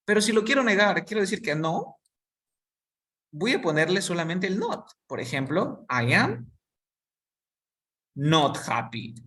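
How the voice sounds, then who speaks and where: An English teacher, giving a basic lesson and slowly drilling each word with students. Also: medium pitch, sing-song, fairly bright tone, far from the mic. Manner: slow and patient, repeats each word for students.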